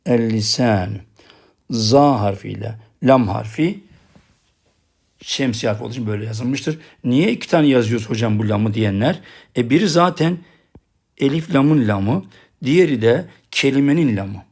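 A man with a Turkish accent teaching Arabic writing, saying each example word slowly twice and then explaining it quickly. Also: medium pitch, animated, darkish tone, husky. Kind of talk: recorded lesson.

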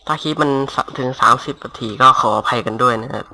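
A young man casually commentating his Minecraft game at home on a headset mic, talking softly and rambling. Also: mid-range voice, quick pace, a little hiss or hum. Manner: rambling, talks softly to avoid disturbing neighbors. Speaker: gaming YouTuber. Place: home room. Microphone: cheap gaming headset mic.

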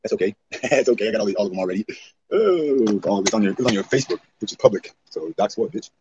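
A man's voice: fairly low pitch, steady tone, racing, darkish tone, dull audio, slight background noise. A man livestreaming in casual, rambling chat, often profane.

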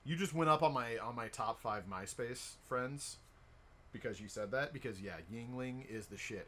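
A man's voice: mid-range voice, fairly bright tone. An American man chatting casually on a livestream, rowdy and jokey, swearing freely. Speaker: live streamer. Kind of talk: casual, profane livestream chat.

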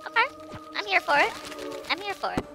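A game streamer uses a voice changer that hides their real voice, producing an extremely high, sing-song, creaky sound delivered briskly over music. They chat casually during live gameplay, thinking aloud and asking chat for input.

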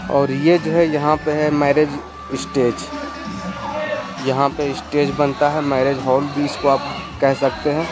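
A young travel vlogger from Bihar, India, with a Bihari Hindi accent, excitedly tours an outdoor hotel pool and garden in a casual vlog, constantly pointing things out. His voice is fairly high and his pace measured. He films on a phone held at arm's length with a clip-on mic, against loud crowd noise and music.

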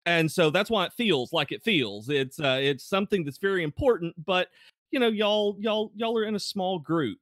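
A man narrating as game master in a relaxed, casual way, with frequent fillers and restarts. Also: high voice, moderate pace, no room sound, studio quality.

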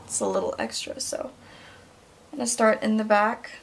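A woman's voice: a little high, flat delivery, moderate pace, creaky. A young woman vlogging a casual hair tutorial at home on a camera mic, chatty and calling her viewers "you guys". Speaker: beauty vlogger.

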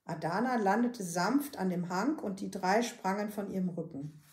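A woman, a librarian, reading a children's book aloud with calm, steady storytelling. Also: mid-range voice, moderate pace, echoey room.

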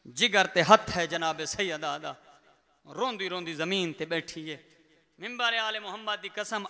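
A man's voice: high-pitched, sharp tone, smooth. A man, a religious orator, delivering a mournful sermon recitation and moving between speech and tearful sung lament. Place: large prayer hall. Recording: long reverb of a large hall.

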